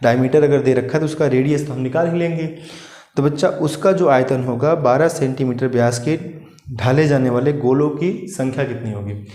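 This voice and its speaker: A man teaching a maths lesson for exam students, asking questions and answering them himself as he goes through each step. His voice is dark and mellow and sits at an ordinary pitch for a man. The room around him is noticeably echoey. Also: normal speed. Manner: calls his students "children" warmly.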